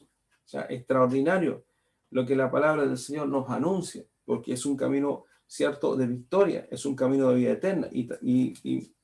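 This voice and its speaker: A man's voice: mid-range voice, creaky, darkish tone. A male pastor preaching a sermon, reading scripture aloud and then expounding on it, repeating phrases and tagging lines with "¿cierto?".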